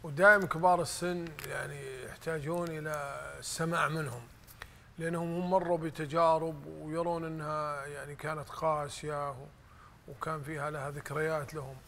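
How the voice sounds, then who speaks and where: A middle-aged man with a Saudi Gulf accent teaches conversationally. His voice is slightly high and crackles with fry, bright and forceful as he gives homely examples. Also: little pitch movement, brisk. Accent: Saudi Gulf Arabic. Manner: didactic, illustrates with acted-out examples. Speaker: guest sheikh. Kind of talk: conversational religious advice. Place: large indoor lounge, seated on sofa. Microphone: lapel.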